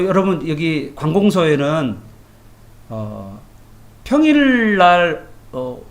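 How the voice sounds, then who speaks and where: A male pastor giving a morning devotion sermon in a colloquial, anecdotal way, often asking his listeners rhetorical questions. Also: a little high. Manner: animated, colloquial, tells everyday anecdotes; asks the congregation rhetorical questions.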